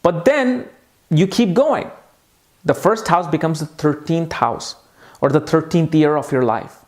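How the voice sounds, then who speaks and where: A man explaining a lesson with eager emphasis, his voice sitting a little on the high side. He repeats key points to drive them home. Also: measured pace. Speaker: astrology teacher.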